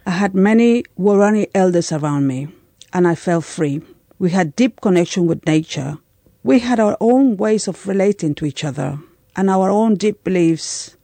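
Woman interpreter with a mellow, dry voice. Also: fairly low pitch, lively intonation, normal speed, no echo. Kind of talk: voice-over translation.

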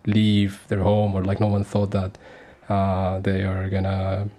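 A man's voice: low voice, completely flat delivery, unhurried, mellow. A man in his thirties from Sudan, speaking as a guest on a community radio interview, earnest and hesitant with many fillers and restarts. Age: 30s.

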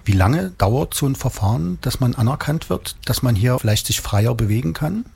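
A man interviewing guests for a radio program, asking gentle, probing questions. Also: mid-range voice, expressive, moderate pace, gravelly, husky.

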